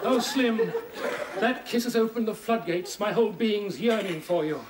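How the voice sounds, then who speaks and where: High, camp English thespian played by a man. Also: moderate pace, lightly acted. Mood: theatrical yearning. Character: camp, theatrical male amateur actor, coy and arch. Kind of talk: 1970s studio sitcom acting. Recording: distant mic, loud studio audience noise.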